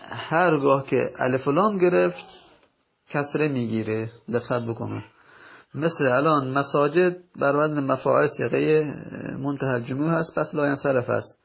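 A man teaching Arabic grammar in a recorded lesson, explaining patiently and slowly, repeating each example word. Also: medium pitch, gravelly, slightly rough. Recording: dull lo-fi recording.

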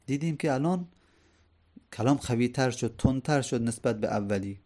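A man's voice: medium pitch, animated, darkish tone. A man teaching a lecture on classical poetry, explaining each verse line by line and asking his listeners rhetorical questions.

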